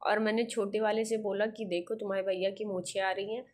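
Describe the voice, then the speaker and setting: A woman's voice: mid-range voice, level tone, a little fast. Young woman vlogger, chatty and giggly, mid-range voice, faint home hum behind her. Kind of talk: casual vlog chat. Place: at a relative's home.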